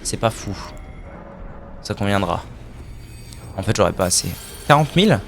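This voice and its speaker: A man's voice: on the low side, animated, moderate pace, vocal fry, a bit bright, faint music behind. A man streaming a video game live, chatting casually with his viewers, joking and swearing as he plays. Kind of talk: live gameplay commentary.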